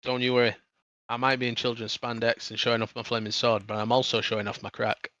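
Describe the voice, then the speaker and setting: A man's voice: mid-range voice, flat delivery, quick pace, sharp tone, lo-fi sound, natural voice. A man playing a cheeky, evasive job candidate in an improvised comedy role-play.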